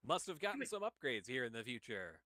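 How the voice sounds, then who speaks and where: A man giving excited play-by-play commentary on a wrestling match, calling each move as it happens. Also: mid-range voice, no echo. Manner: excited, calls moves quickly.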